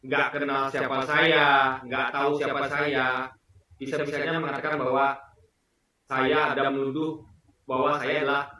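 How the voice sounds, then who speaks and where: A man's voice: mid-range voice, flat delivery, measured pace, long pauses, bright, forceful tone, heavy reverb, distant mic, poor audio. A man in his forties from Indonesia, talking earnestly to camera in a casual vlog, stressing and repeating his points. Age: 40s. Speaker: vlogger. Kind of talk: casual spoken commentary to camera.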